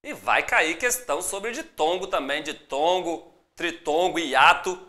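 A Brazilian-accented teacher running a live exam-prep class, voice swooping up and down with every point. The tone is bright and forceful, and the delivery is upbeat, encouraging and full of direct greetings to viewers. Words get broken into slow, drawn-out syllables to make each rule clear. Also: medium pitch, animated. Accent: Brazilian Portuguese.

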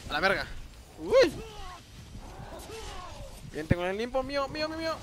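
A man with a Mexican Spanish accent commentating his own gameplay. He talks in a high, lively voice that jumps all over. He swears and yells at the enemies on screen. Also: moderate pace, noisy background. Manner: excitable, swearing, shouting at enemies. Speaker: gameplay video host.

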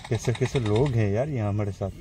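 A man's voice: lowish voice, fairly quick. Young male vlogger, playful and laughing, recorded outdoors at night over noisy background. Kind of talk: casual chat with friends.

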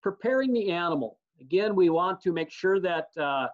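A man with a somewhat high voice, teaching an online slideshow lesson in a relaxed, practical way and pausing often on ums. The audio is dull and lo-fi, as from a webcam mic. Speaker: extension instructor.

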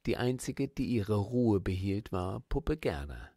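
A man reading a children's storybook aloud as audiobook narrator, in a calm, measured manner. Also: lowish voice, no room sound, studio quality.

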